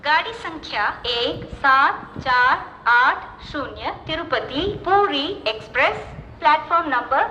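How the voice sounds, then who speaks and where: A woman with an Indian accent makes train announcements over a station PA loudspeaker. Her voice is high and bright, and she paces each phrase slowly and evenly. A faint hiss sits under the sound. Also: expressive, poor audio. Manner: slow, measured, evenly repeated phrasing. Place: railway station.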